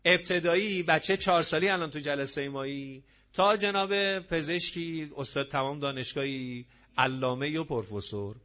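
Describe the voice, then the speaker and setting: Heard through dull lo-fi audio, this man preaches to a gathering in a hall with an audience, his voice slightly high, bright, and forceful. His sermon is emphatic and brimming with rhetorical questions.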